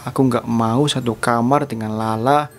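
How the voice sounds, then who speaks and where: A man narrating a first-person horror story for a podcast in a plain, steady way. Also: mid-range voice, normal speed, a little hiss or hum.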